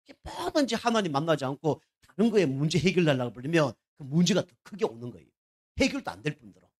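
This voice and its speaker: Animated Korean pastor preaching to his church. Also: fast talker. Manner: conversational preaching, constant "right?" checks with the congregation; swings between loud emphatic bursts and quiet low asides. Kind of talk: sermon. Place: church sanctuary.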